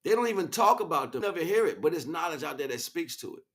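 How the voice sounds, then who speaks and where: On the high side and very animated, a man talks fast in a slightly bright voice. He's a livestream host and spiritual teacher delivering an informal, unscripted lecture, stressing repeated phrases and often checking in with listeners.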